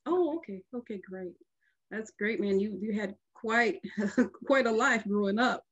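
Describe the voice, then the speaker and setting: A woman's voice: medium pitch, unhurried, fairly bright tone, slightly rough, dull audio. A middle-aged woman hosting an interview over a video call, chatty and affirming toward her guest. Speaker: host.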